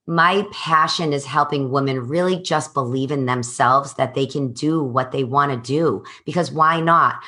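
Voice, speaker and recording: A fitness coach in her forties answers interview questions in a motivational, emphatic, encouraging way. Her voice is low, pushed and bright.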